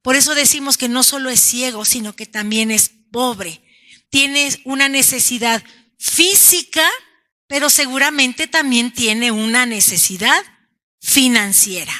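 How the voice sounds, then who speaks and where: A woman's voice: high-pitched, a little slow. A woman pastor, preaching a sermon to her congregation with emphatic delivery. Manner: preaching emphatically, calling out lines as shouts; addresses congregation as brothers and sisters. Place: church.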